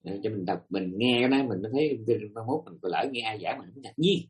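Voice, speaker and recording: A man's voice: fairly low pitch, lively intonation, fairly quick. A man giving a Buddhist dharma talk to listeners, emphatic and asking them rhetorical questions. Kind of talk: dharma talk to a live audience.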